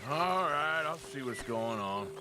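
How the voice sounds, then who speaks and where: An actor with an American accent playing a gruff, sardonic but soft-hearted cowboy outlaw in a video game, with a dry drawl. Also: male voice, on the high side, animated, unhurried, background noise. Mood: calm, soothing. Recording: loud outdoor ambience, horse hoofbeats.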